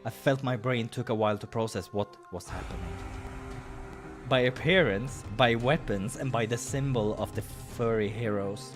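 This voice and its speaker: With music in the background, a gaming host narrates a visual novel at a moderate pace in a medium-pitched voice. He reads the text out loud and throws in playful, dramatic reactions.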